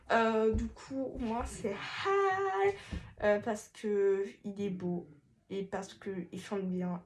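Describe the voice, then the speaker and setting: A woman's voice: mid-range voice, a bit bright. A woman vlogger chatting casually through a face mask, with a rambling, hesitant, playful way of talking full of fillers and restarts. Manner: playful, self-mocking asides. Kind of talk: casual chat.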